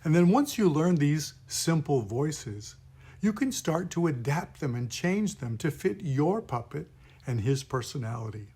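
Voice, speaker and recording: Slow, patient man teaching. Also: a little high, sing-song, darkish tone, breathy edge. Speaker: pastor teaching puppetry. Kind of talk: instructional video lesson.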